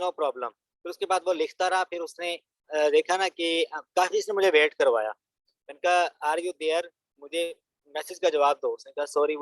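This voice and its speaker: A young man talks viewers through a screen-recorded business tutorial. His voice sits a little high, and he keeps saying "theek hai" between points. The recording is dry, close to the mic. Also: dry recording, rough recording. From Pakistan. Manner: chatty, repeats "theek hai" as a filler. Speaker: online business course instructor.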